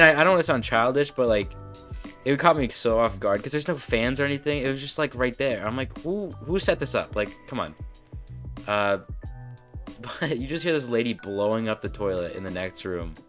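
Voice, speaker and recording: A man's voice: mid-range voice, a bit bright. A young man hosting a podcast, rambling through a casual monologue, often breaking off and laughing at himself. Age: young adult. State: burping, hiccups. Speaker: podcast host.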